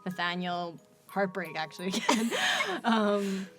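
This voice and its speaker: Woman, casual co-host, rambling, chatty, mid pitch, faint music behind. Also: unhurried. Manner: rambling, chatty, many fillers and restarts. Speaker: co-host of an episode review. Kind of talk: casual chat.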